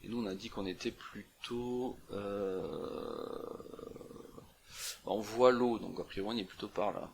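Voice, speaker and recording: A young man, the presenter of a CTF walkthrough, chats casually through a map puzzle shown on screen in a screen-recorded video, thinking aloud with lots of fillers and restarts. His voice sits lowish, with vocal fry and a measured pace, and a faint hiss or hum runs under the recording.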